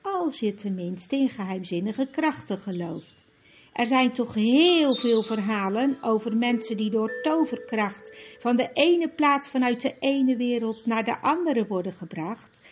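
A woman's voice: a little high, expressive, dull audio, a little hiss or hum. A woman voicing an eager, trusting young girl in an audiobook. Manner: eager, quick to speak up.

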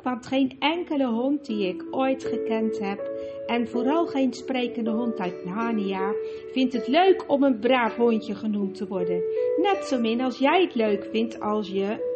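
A woman narrating a children's storybook in a lively way, with asides to the listener. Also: fairly high pitch. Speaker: audiobook narrator. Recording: lo-fi with music behind.

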